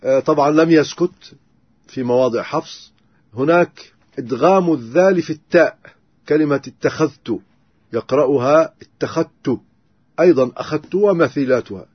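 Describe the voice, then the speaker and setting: A man teaching the differences between Quran readings in a methodical lecture, pausing on filler sounds as he explains. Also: a little high, slightly rough, no echo, highs cut off.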